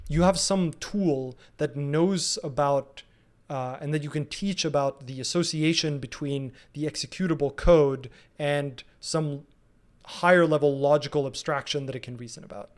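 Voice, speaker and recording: A man in his thirties answering viewer questions casually in a live stream, thinking aloud with frequent ums and restarts. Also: a little high. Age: 30s.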